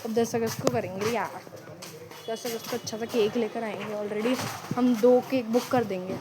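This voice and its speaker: A woman's voice: on the high side, steady tone, moderate pace. A young woman vlogging casually on her phone, chatting straight to her viewers and laughing often. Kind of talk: casual vlog chat. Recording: loud background noise.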